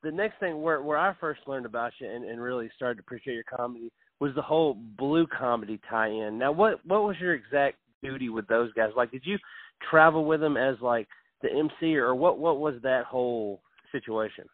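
A man interviewing a comedian, eager and friendly, with frequent laughs and halting restarts. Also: mid-range voice, expressive, dry recording. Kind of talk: casual interview chat. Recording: tinny phone-line sound, dry.

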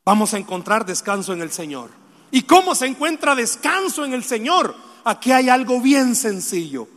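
Male pastor, high and bright, emotional sermon with direct questions to the flock, long hall reverb. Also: big pitch swings, moderate pace. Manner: emotional, swinging from soft sorrowful confession to loud exhortation; addresses the congregation directly with questions. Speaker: preacher.

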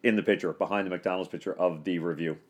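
A man with a very low voice, hosting a relaxed podcast conversation. He jokes around and laughs often between stories. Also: fast talker. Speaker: podcast host. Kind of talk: casual chat.

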